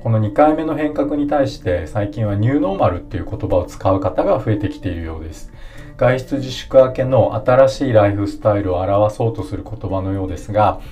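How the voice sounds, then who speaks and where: A man with a low, mellow voice hosts a solo podcast in a calm, polite explanatory tone. Soft guitar music plays faintly behind him. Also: brisk, highs cut off. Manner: calm, polite explanatory delivery listing points. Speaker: podcast host.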